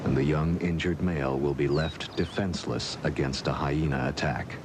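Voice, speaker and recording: A man reading scripted nature documentary narration in a measured, formal storytelling way. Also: very deep voice, steady tone, noisy background.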